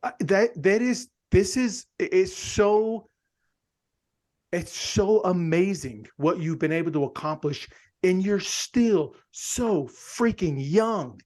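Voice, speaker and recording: A man's voice: sits high, expressive, slow, darkish tone. A man hosting an interview, talking emphatically and turning to address his audience directly. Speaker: podcast host. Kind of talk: enthusiastic interview commentary.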